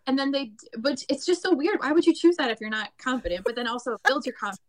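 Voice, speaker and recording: Lively woman choir teacher telling stories. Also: sits high. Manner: quick storytelling, acts out quotes, laughs often. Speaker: choir teacher, podcast co-host. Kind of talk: casual chat.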